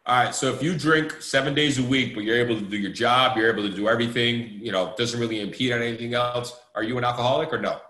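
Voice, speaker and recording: A man's voice: medium pitch, quick pace, few pauses, bright, forceful tone. A man hosting a podcast in casual chat, blunt and swearing freely while moving the segments along. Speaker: podcast host. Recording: echoey room with faint noise.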